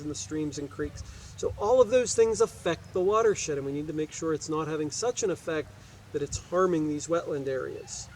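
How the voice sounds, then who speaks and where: A little hiss or hum sits under this American man's slightly high voice, which has a darkish tone. Reading aloud as a teacher, he explains points in asides, asks questions, and checks that listeners follow.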